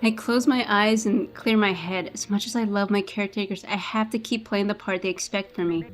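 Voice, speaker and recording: A woman's voice: mid-range voice, steady tone, fairly quick, faint music behind. A woman playing a visual novel, reading its narration aloud in a casual, playful way. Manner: playful, laughing between lines.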